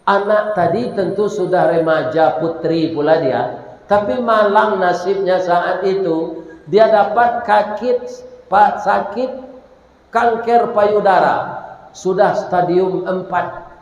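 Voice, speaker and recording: A man's voice: high-pitched, slow pace. A man preaching in a folksy storytelling sermon with a Minangkabau accent, talking directly to his listeners in a prayer hall. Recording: echoey hall.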